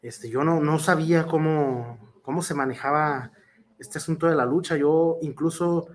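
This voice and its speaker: This man speaks at a moderate pace in a fairly high register. He's a pro wrestler with a Mexican accent, giving sincere but meandering interview answers packed with fillers and false starts.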